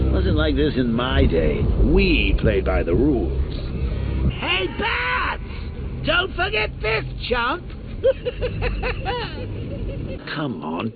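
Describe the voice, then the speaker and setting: An actor playing a gleefully sadistic, taunting clown villain in a video game, with a gravelly voice and a mocking, theatrical delivery. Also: male voice, phone-quality sound, full character voice. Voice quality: gravelly, creaky voice with shrill swoops.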